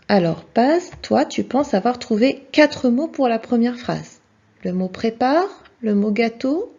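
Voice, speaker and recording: A woman teacher walks a child through a lesson, patient and encouraging, in a slightly high voice that takes its time. Her tone is a little husky, and the recording sounds dull and lo-fi. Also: dark tone. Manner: slow, patient, encouraging, speaks to the child directly.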